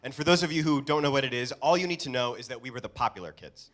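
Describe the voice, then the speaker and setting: A man's voice: mid-range voice, quick pace, fairly bright tone. A young adult man giving a joking wedding toast as best man, with wry asides. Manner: joking, wry asides, chuckles between lines. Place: live speech at a wedding reception.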